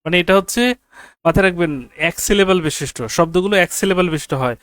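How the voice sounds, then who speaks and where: A man's voice: sits high, quick pace, fairly bright tone. A man lectures on English grammar in a slightly raised voice. He says the key phrases over and over for emphasis and keeps checking that his students understand. The sound is dry and close, with no room echo. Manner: quizzes students with rhetorical checks. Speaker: English teacher.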